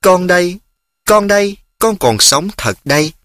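A man's voice: sits high, lively intonation, unhurried, a bit bright, dry recording, clean studio sound, voice pushed up. A male narrator voicing a wounded, exhausted young peasant man, urgent and emotional. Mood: pleading.

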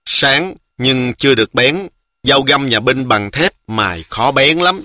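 A man's voice: mid-range voice, animated, measured pace, bright, forceful tone, no echo, clean studio sound. A man voicing a curious young male companion who asks eager questions.

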